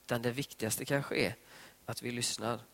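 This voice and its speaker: A man giving a conversational devotional talk on prayer, retelling scripture scenes in lively voiced dialogue. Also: medium pitch, vocal fry. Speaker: preacher. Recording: long hall reverb.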